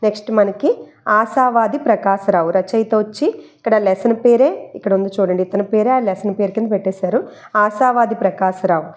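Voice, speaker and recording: A woman's voice: medium pitch, brisk. A woman teaching exam prep, chatting her way through memory tricks, repeating key points and mixing in English words. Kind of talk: explaining memory tricks for a Telugu syllabus.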